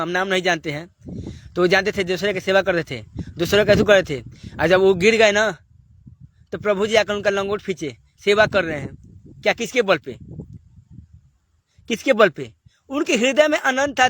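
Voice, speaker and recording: A man's voice: sits high, pushed and bright, no room sound. A man giving a devotional sermon, exhorting listeners and firing off rhetorical questions. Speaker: spiritual preacher.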